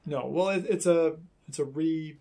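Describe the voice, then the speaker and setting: A middle-aged man with a creaky voice, casually explaining things in conversation as a streamer hosting a gaming chat. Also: on the high side, unhurried, mellow. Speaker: streamer and host. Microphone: binaural recorder, seated in headset.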